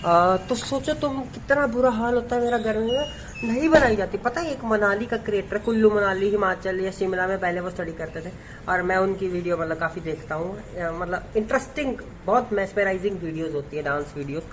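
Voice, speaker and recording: A man's voice: high voice, a little fast, a little hiss or hum, poor audio. Chatty young man from Punjab. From Punjab, India. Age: young adult. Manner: chatty, rambling, playful. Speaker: vlogger and dance content creator. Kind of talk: casual daily vlog.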